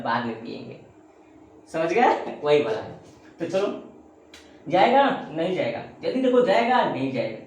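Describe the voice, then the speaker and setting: Man teaching math in an echoey room. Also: medium pitch. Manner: calls viewers beta and bachcha, voices students' questions himself. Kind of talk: classroom math lesson on video. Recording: very echoey room, faint ambient noise.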